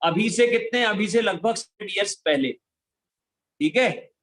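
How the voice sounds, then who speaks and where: A man's voice: high-pitched, expressive, unhurried, a bit bright. A man teaching a children's scripture class, calling on pupils by name, quizzing them and coaxing them to answer aloud, slipping English words and numbers into his talk.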